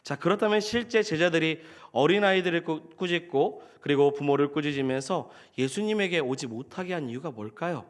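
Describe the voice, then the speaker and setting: Speaking a little fast and with few pauses, a pastor with a slightly high voice preaches, repeatedly questioning his congregation and performing what people might have said.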